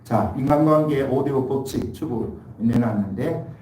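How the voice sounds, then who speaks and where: A man preaching a Sunday sermon as pastor. He talks in a lively way, acts out the voices he quotes, and keeps asking the congregation questions. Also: mid-range voice, unhurried, slight background noise. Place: church sanctuary. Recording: echoey hall, mic from far off.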